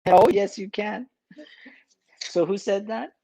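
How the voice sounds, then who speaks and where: Man, priest, very slow pace, chuckles a lot, lots of uh and um pauses, casual cooking demo. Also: sits high, steady tone, vocal fry, warm tone, slight background noise, rough recording. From Vietnam. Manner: unhurried, chuckling, many filler pauses.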